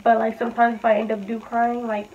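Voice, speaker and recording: A woman's voice: on the high side, level tone, quick pace, darkish tone, dull audio, slight background noise. A young woman vlogger casually telling a personal story, talking in a loose, chatty way full of "like" and fillers. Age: young adult. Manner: chatty, filler-heavy, says "like" often.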